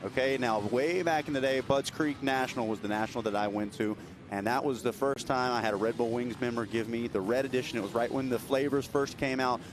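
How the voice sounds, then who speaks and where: Chatty male race commentator, noisy track. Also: mid-range voice. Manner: chatty, joking, fast-talking. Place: announcers booth at an outdoor race. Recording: noisy outdoor race broadcast.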